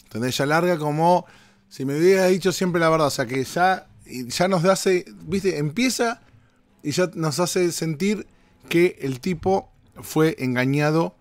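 A man with an Argentine accent hosting a podcast from a hotel room, hoarse and rambling playfully as he talks straight to his listeners. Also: fairly high pitch, unhurried, dry recording. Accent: Argentine Spanish. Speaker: podcast host. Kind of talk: casual comedic monologue.

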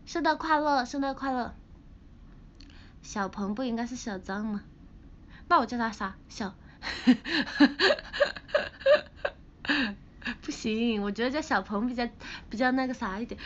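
A young woman with a Sichuan-flavored Mandarin accent, chatting playfully on a livestream and reading comments, pouty and quick to laugh. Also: a little high, fairly bright tone, a little hiss or hum. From Sichuan, China. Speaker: idol livestreamer. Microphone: phone camera. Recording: dull lo-fi livestream audio.

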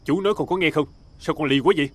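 A man's voice: a little high, fast talker, a bit bright. An actor playing a stern man who firmly urges a runaway boy to come home. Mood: insistent. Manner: firm, urging. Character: stern middle-aged man sent to bring a boy home. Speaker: family's driver or helper. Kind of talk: TV drama acting.

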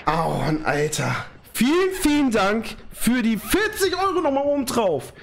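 A young man streaming from home, overjoyed and slangy, his voice trembling with excitement. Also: very high voice, measured pace, vocal fry. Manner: overjoyed, slangy, constant exclamations. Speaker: live streamer. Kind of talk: excited live stream reaction. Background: music.

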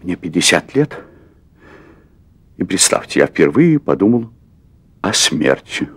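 A fifties-aged actor, performing in a televised play on a theatre stage dressed as a hotel room, portrays a nervous middle-aged restaurateur hungry for adventure who confesses at length. He stumbles and repeats words as he goes. His voice sits low and husky, sing-song and unhurried, with an exaggerated delivery.

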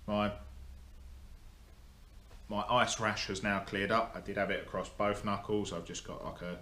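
This motorsport vlogger, a young man, chats through a loose update to camera, stumbling over ums and restarts. He has a lowish, pushed and bright voice with fairly even intonation at a measured pace. A camera sits in front of him in an echoey indoor workshop with a faint hum.

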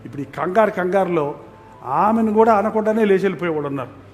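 Male pastor, high voice, dramatic loud-soft preaching, reverberant hall. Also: animated, fast talker, soft background music. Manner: dramatic swings between loud emphasis and soft near-whispers. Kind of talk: sermon.

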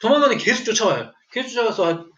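A man's voice: on the high side, animated, a little fast, fairly bright tone. A man teaching English vocabulary to a class, telling a joking story and quizzing his students as he goes. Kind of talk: classroom lecture. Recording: echoey room, dull lo-fi sound.

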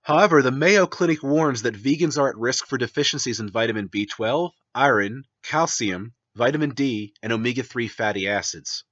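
A man's voice: medium pitch, normal speed, hardly any pauses, a bit bright, muffled recording. Emphatic young man vlogging from his kitchen. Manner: emphatic, lectures with blunt asides. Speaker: vegan fitness vlogger. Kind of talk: scripted commentary vlog. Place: home kitchen, indoors.

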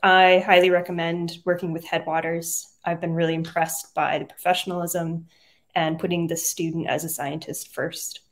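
A young adult woman, a middle school science teacher, giving earnest testimonial answers over a video call, with frequent pauses and "um"s. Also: fairly low pitch, level tone. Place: home room with plain wall. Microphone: video call webcam.

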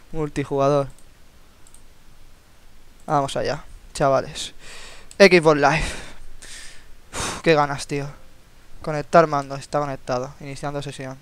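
A young man from Spain with a Spanish accent, casually commenting on his own gameplay, eager and excitable, swearing when frustrated. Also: on the high side, smooth, no room sound. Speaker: gameplay video host.

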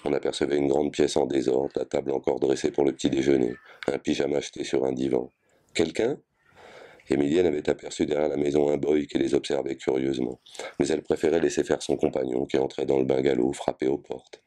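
A man reading a novel aloud in a steady, measured way. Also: very deep voice. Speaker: reader.

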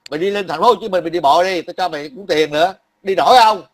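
A livestream commentator with a high, sharp-pitched voice launches into a heated political rant at a racing pace. He is angry and profane, circling back to the same phrases repeatedly, with a worn-out, grumbling weariness beneath the fury.

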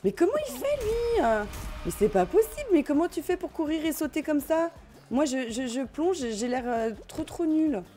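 A young woman streaming a party game, commenting in an excitable, laughing, self-mocking way. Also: high-pitched, moderate pace. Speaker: gaming streamer. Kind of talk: live let's play commentary. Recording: faint game music behind.

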